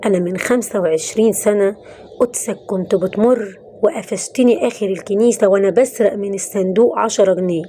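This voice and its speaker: A woman's voice: medium pitch, quick pace, warm tone, a little hiss or hum, lightly acted. A woman voicing a repentant middle-aged former thief who confesses in an Egyptian accent, in a pleading tone. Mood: remorseful. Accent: Egyptian Arabic.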